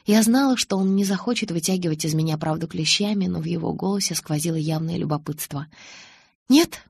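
A woman narrating an audiobook in the first person, steady and measured. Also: lowish voice, creaky, slightly rough, no echo.

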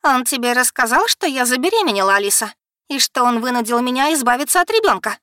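A woman reading an audiobook and voicing a distraught young woman who pleads and shouts at her sister, near hysterical. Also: high-pitched, animated, fast talker, no room sound, studio quality, pitched above the performer's own voice. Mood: wailing.

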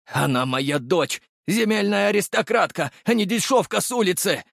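A man voicing a desperate middle-aged nobleman and father, shrill and emotional, in an audiobook. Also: moderate pace, pushed and bright, no room sound, studio quality, lightly acted. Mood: indignant. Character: distraught middle-aged nobleman father, furious then begging.

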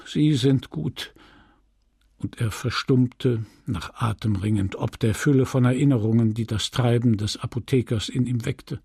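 Man reading a novel aloud, gravelly, dry close sound. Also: mid-range voice, steady tone, mellow, no room sound. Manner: slow, deliberate, gravelly reading. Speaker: audiobook narrator. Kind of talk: scripted audiobook narration.

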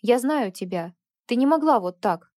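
A woman's voice: on the high side, animated, moderate pace, mellow, no echo, studio quality, close to an everyday voice. A woman reading the lines of a kind, earnest young man who pleads from the heart in a storybook. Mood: hurt.

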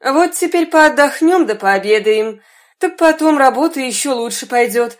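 A woman's voice: high-pitched, animated, normal speed. A woman voicing a kindly, cautious old father who talks in a fussing, fatherly way.

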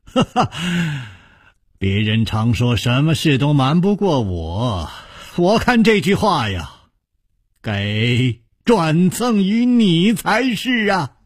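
A carefree young rogue hero with a high, bright, laughing voice, as a male storyteller puts him on. He swings his pitch up and down in a playful, sing-song way, stretching out his words with easy charm. The voice has a slight husky grain. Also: very animated, slow pace, dry recording, clean studio sound, exaggerated voice. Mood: merry.

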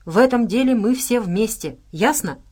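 A woman's voice: on the high side, lively intonation, moderate pace, darkish tone, husky, voice pushed up. A woman reading as a brusque male commander. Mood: reassuring. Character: blunt male team leader, reassuring.

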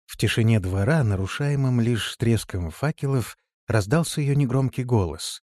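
A man narrating an audiobook fantasy story in a measured, even storytelling manner. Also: medium pitch, dry recording, studio quality. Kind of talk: scripted narration.

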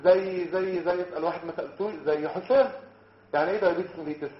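In a lecture hall, a medical lecturer with an Egyptian Arabic accent speaks in a high-pitched voice at a quick pace, joking with medical students, quizzing them, and mixing in English terms. The recording is roomy and muffled.

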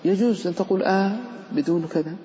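A mellow, soft-edged male sheikh teaching recitation in a relaxed, chatty way. He asks his students questions and acts out the letters as if they could speak. The sound is dull and lo-fi, with a long hall reverb trailing each phrase. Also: high voice, fast talker, slight background noise. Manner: conversational, quizzes students and personifies letters. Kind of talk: classroom explanation to students.

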